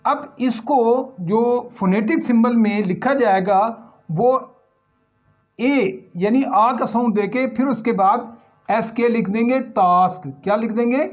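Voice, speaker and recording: Slowly, in a very high voice, a man teaches English pronunciation in a recorded lesson, posing questions and then answering them himself while he repeats the key sounds.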